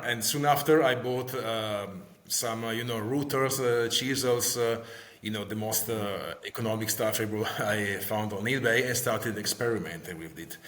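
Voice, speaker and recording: A middle-aged man with an Italian accent explaining things as an interview guest, halting and repeating words as he searches for them. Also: medium pitch, bright, forceful tone. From Italy. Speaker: guest, guitar maker. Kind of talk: interview answers, casual explanation.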